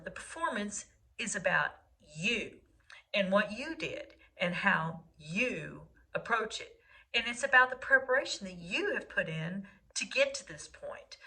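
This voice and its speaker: A woman's voice: mid-range voice, pushed and bright. A woman music teacher giving her students an earnest, encouraging talk in a video lesson.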